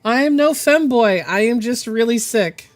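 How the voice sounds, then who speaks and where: During a live art stream, a woman chats casually in a hoarse, gravelly voice deepened by bronchitis, though it still sits a little high and sounds animated. She speaks haltingly and meanders, often pausing to clear her throat, with soft music faintly in the background.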